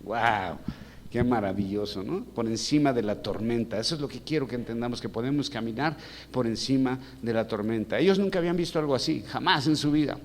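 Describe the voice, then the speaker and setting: A male pastor, preaching in a chatty, conversational way and throwing rhetorical questions at the congregation. His mid-pitched voice rings through a church hall with a long reverb, over a faint steady hum. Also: fairly quick. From Mexico. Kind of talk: conversational sermon.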